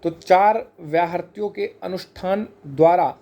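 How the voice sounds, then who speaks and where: A man giving an explanatory scripture lesson, measured, slowing down to spell out sacred terms one by one. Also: high-pitched, dark tone. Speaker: teacher of Vedic scripture.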